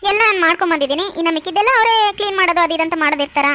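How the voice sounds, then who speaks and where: A woman's voice: very high voice, rapid-fire, sharp tone. A woman voicing a talkative, doting middle-aged aunt who over-explains everything, for a cartoon. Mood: reassuring. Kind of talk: cartoon voice acting.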